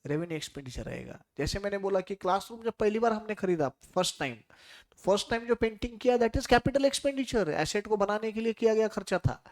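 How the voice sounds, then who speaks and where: A man's voice: high-pitched, lively intonation, a little fast. A man teaching an accounting class in a classroom. He keeps asking the class rhetorical questions and slips English terms into his explanations. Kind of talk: classroom lecture.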